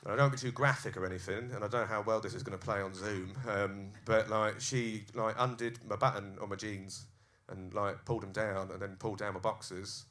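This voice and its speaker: A man performs stand-up on a club stage into a handheld mic. His voice is on the low side and has a forceful, bright edge. He acts out every scene with crude, animated energy. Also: a little fast, hardly any pauses. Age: 30s. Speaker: stand-up comedian. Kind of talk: stand-up comedy set. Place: comedy club stage, live.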